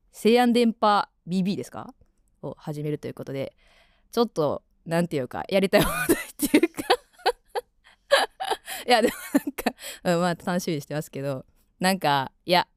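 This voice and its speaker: A woman's voice: on the low side, clear, resonant tone, no echo. Kansai girl in her 20s rambling on a radio show, lots of fillers, dry close mic. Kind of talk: casual radio chat.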